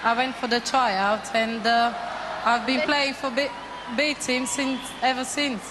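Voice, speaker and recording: A woman's voice: a little high, fairly even intonation, measured pace, noisy background. Woman contestant, confident. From Romania. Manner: plain, confident, some hesitation. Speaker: game show contestant. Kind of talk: short interview answers. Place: large indoor arena.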